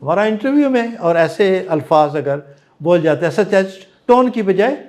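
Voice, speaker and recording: A man's voice: high-pitched, animated, measured pace, a little mellow. A male trainer with a Pakistani accent giving encouraging classroom feedback, mixing Hindi-Urdu with English.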